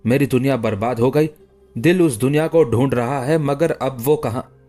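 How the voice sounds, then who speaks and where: A man's voice: mid-range voice, normal speed, warm tone, faint music behind, close to an everyday voice. A man reading the lines of a grieving, tearful young woman in an audiobook story. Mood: mournful.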